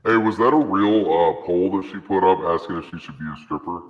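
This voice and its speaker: Man through a deep pitch-shifting voice changer. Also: a little fast. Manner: argumentative, swearing, laughs things off. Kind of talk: casual crude banter. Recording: lo-fi with long reverb.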